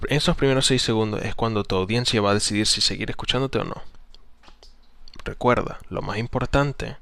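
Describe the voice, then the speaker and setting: A man's voice: on the low side, fairly bright tone, no room sound. A man giving a casual spoken tutorial on intonation, demonstrating rising and falling tones with repeated example phrases.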